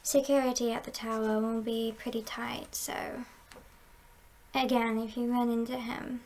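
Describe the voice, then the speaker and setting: A woman playing a confident, scheming female heist boss in an ASMR role-play, speaking in a measured, playful and conspiratorial way with a creaky voice. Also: fairly high pitch, little pitch movement, a little mellow, a little hiss or hum, rough recording.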